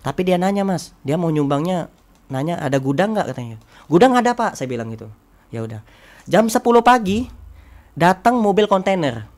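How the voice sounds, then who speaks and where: A young man appears as a talk show guest, telling a story with great animation and acting out every line of dialogue. His expressive voice swings in pitch and loudness at a moderate pace.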